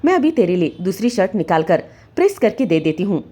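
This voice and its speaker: A woman's voice: medium pitch, very animated, a little fast, dark tone. A woman voicing a proud, condescending mother-in-law who speaks with haughty scorn. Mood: haughty, scornful.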